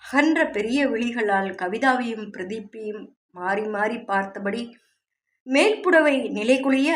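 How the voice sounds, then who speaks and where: Woman steadily narrating a novel. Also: a little high. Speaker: story reader.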